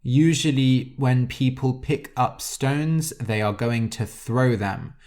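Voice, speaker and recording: A man hosting a podcast and teaching vocabulary for learners in a slow, deliberate way, spelling out words letter by letter. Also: mid-range voice, a little mellow. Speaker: podcast host. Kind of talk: scripted vocabulary lesson for learners.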